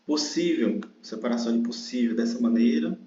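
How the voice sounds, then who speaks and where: A man's voice: mid-range voice, brisk, dark tone, a little hiss or hum. A man with a Brazilian Portuguese accent, a teacher patiently explaining a grammar exercise and drawing out words syllable by syllable. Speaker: online exam-prep teacher. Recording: roomy, dull lo-fi sound.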